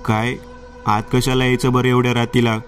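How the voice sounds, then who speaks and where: A man's voice: mid-range voice, level tone, moderate pace, faint music behind, close to an everyday voice. A man voicing a wary young man who turns down a stranger with firm, awkward refusals.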